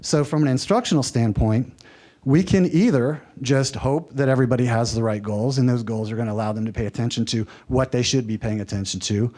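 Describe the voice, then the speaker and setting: A man's voice: medium pitch, fairly quick, warm tone. A man from the American South presenting a workshop lecture, conversational and lightly humorous, checking in with his audience. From American South, mountain region. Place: workshop room.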